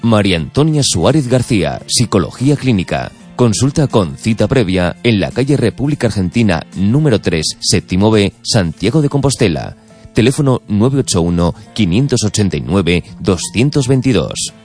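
A man from Spain reading classified advertisements slowly and steadily. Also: fairly low pitch, big pitch swings, a little mellow, soft background music. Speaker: advertisement announcer. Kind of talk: read advertisement.

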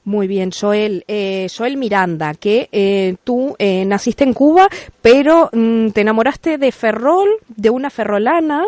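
A woman's voice: fairly high pitch, expressive, measured pace, a little mellow, no echo. A woman hosting a radio interview, asking friendly, leading questions. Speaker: radio host.

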